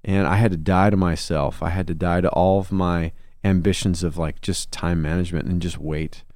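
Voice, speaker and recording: A man's voice: sits low, steady tone, normal speed, a little mellow, dry recording, studio quality. A man, a songwriter and musician, in a conversational interview, telling a personal story in an earnest, reflective way. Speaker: guest.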